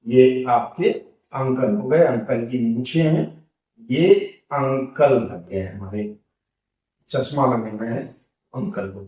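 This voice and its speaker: A man's voice: on the high side, darkish tone. A man teaching the Hindi alphabet step by step, patiently repeating each letter as he draws it. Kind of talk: slow step-by-step alphabet lesson. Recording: roomy sound from a distance.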